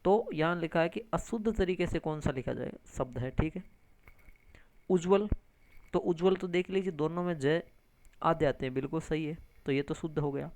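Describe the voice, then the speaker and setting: Guy teaching grammar for exams, gravelly but clear voice, keeps asking then answering his own questions. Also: fairly high pitch, a little fast, darkish tone. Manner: explains step by step, often asks and answers his own questions; addresses viewers as friends, frequent tag questions. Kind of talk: exam-prep lesson.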